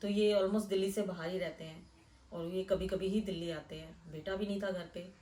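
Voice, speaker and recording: A middle-aged woman from Delhi, earnestly retelling a frightening real-life experience in a hushed first-person way. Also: lowish voice, fairly even intonation, moderate pace, distant mic. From Delhi, India. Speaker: storyteller. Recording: echoey room, voice a bit off-mic.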